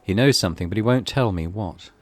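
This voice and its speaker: A gaming channel host with a lowish voice reads a horror visual novel aloud, speaking fast in a dry recording. His scripted narration is dramatic, theatrical, and suspenseful.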